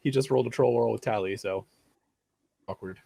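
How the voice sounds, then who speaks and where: A man co-commentating a tabletop game on a livestream, thinking aloud with pauses. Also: medium pitch, vocal fry, dark tone, breathy edge.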